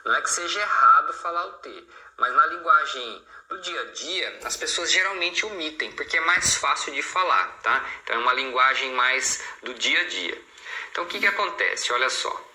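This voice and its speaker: A man's voice: on the high side, animated, moderate pace, sharp tone, echoey room, low-quality recording. A Brazilian man, a native Portuguese speaker, teaching English pronunciation in a recorded online lesson, patient and reassuring, repeating each example word twice.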